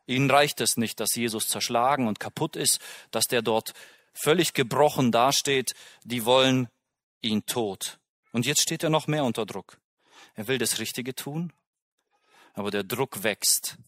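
A man's voice: mid-range voice, measured pace, fairly bright tone, no echo, clean studio sound. A man preaching a sermon in an earnest way, often asking his listeners direct questions.

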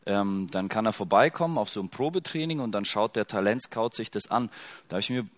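A man's voice: on the low side, animated, a little fast. Conversational middle-aged male pastor preaching. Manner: conversational, asks the listeners many questions; casual and joking. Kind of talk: sermon.

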